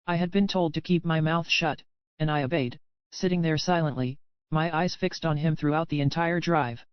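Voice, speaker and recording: A woman narrates a first-person audiobook in an even, steady storytelling voice. Her tone is smooth and clear. The recording is dry and slightly dull. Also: low-pitched, normal speed, no room sound.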